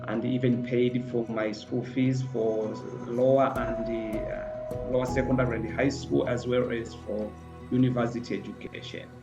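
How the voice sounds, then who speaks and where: A middle-aged man, a school founder speaking in a measured, earnest way with frequent pauses. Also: medium pitch. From Tanzania. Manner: measured and earnest, pausing often on fillers. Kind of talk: reflective interview testimony. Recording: roomy, slightly dull with soft music.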